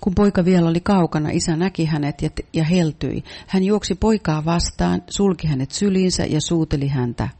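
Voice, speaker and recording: A man with a mellow, fairly high voice interprets a sermon. He reads each passage at an even, steady pace. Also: few pauses.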